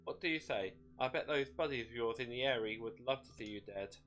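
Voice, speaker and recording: A man's voice: medium pitch, brisk, a bit bright, faint music behind, natural voice. A man voicing a gleeful, bloodthirsty demon shade, mocking and wheedling in folksy slang as in a dramatic story.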